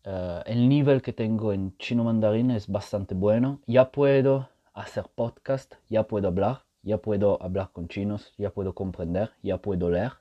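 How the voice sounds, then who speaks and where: With a fairly low pitch and a steady tone, a male podcast host speaks unhurriedly and with few pauses; the highs are cut off in the audio. He hosts a casual solo show in Spanish, a language he learned, explaining patiently and often checking in with the listener.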